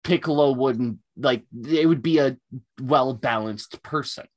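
A man's voice: mid-range voice, a little slow. A man co-hosting a casual chat podcast, rambling with lots of fillers and self-deprecating enthusiasm. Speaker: podcast co-host.

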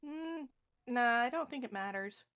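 A woman playing a tabletop game, planning aloud in a thoughtful, pausing way. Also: a little high, lively intonation, fairly bright tone, smooth. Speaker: player. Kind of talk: casual tabletop role-play.

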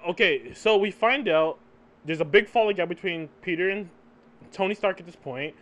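Man, podcast co-host, casual comic talk, slightly high voice, keeps asking "right?". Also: normal speed, fairly bright tone. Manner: tags sentences with "right?"; laughs often between points. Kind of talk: casual comic book discussion.

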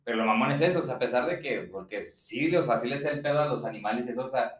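A man's voice: medium pitch, fast, distant mic. A young Mexican man with a Mexican Spanish accent, chatting in a laid-back, slangy way with a friend. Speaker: podcast co-host. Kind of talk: casual chat. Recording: echoey room, away from mic.

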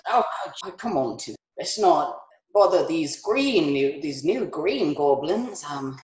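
A woman's voice: low-pitched, big pitch swings, slow pace, a little mellow, heavily acted. A woman voicing a very old male goblin elder who speaks hesitantly and with worry. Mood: worried. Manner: hesitant, worried. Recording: echoey room.

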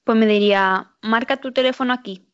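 A woman's voice: a little high, brisk, smooth, lo-fi sound. A woman student answering a teacher's questions and reading example phrases aloud.

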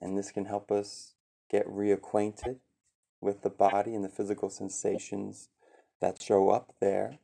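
Low, gravelly, calm male meditation guide. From USA. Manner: slow, gentle, with fillers. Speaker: meditation teacher.

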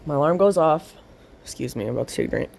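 A woman's voice: low-pitched, lively intonation, creaky, a little mellow, a little hiss or hum. A woman talking close into a handheld voice recorder for her audio diary, rambling and swearing freely. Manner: rambling, profane, slow with long pauses. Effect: handheld voice recorder held to the mouth. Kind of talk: casual spoken audio diary.

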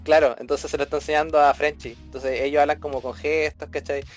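A man with a Chilean accent co-hosting a podcast, telling stories in lively, slang-heavy casual chat. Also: on the high side, fast talker, faint music behind. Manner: animated storytelling full of slang, acting out scenes. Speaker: podcast co-host.

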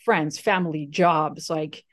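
Speaking slowly in a low, steady tone, a woman from Slovakia, a native Slovak speaker, recounts her story as an interview guest. She keeps it casual, with frequent fillers and restarts.

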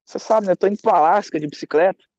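A man's voice: high voice, very fast, a little mellow, dry recording, lo-fi sound. A young man telling a travel story in a casual, dramatic way, acting out scenes and dropping in conversational fillers.

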